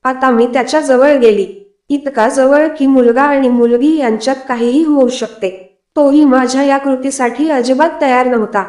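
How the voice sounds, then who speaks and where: A woman narrating a first-person story in a steady, confiding way. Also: high-pitched, moderate pace. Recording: echoey room.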